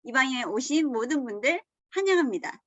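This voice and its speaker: Bright high-voiced woman emceeing a Zoom seminar. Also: expressive, brisk, no room sound, highs cut off. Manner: bright, upbeat emcee introductions. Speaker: seminar host. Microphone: video call.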